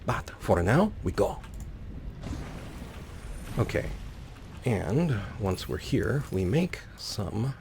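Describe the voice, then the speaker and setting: This let's player and host talks through his game very slowly in a deep, gravelly, sing-song voice, leaving long pauses. He muses aloud with playful little tangents over faint background noise.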